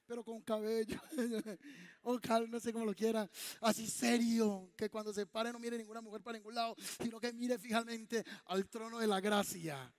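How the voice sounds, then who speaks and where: A man's voice: very high voice, little pitch movement, moderate pace. Smitten young churchwoman, as a pastor puts her on. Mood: gushing. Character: smitten young churchgoing woman gushing about her man. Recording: long hall reverb.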